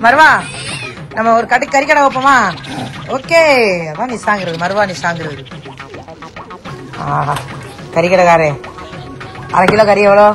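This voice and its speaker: A woman's voice: mid-range voice, a little slow, pauses often, music in the background. A woman vlogger chatting casually with her family, teasing them playfully and laughing often. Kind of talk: casual family vlog chat.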